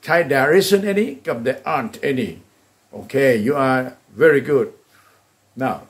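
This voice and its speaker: Upbeat Thai-accented English teacher. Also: male voice, mid-range voice, lively intonation. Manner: slow, deliberate modeling of English phrases, then quick Thai explanations; upbeat and encouraging, often praising the students. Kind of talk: classroom-style English drill.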